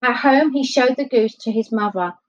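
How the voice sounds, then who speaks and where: Woman reading a storybook aloud. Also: on the high side. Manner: expressive, unhurried reading. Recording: dull lo-fi recording.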